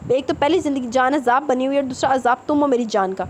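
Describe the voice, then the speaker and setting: Woman doing a mad dad yelling at his daughter, kinda high voice, faint hum behind. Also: lightly acted. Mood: angry. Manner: scolding, shouting. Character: furious harsh father, middle-aged man.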